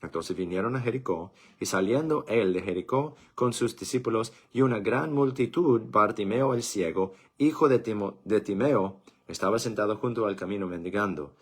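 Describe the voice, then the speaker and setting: A man reading scripture aloud for a church, in a measured and deliberate way. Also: on the low side, breathy edge. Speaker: church Bible reader.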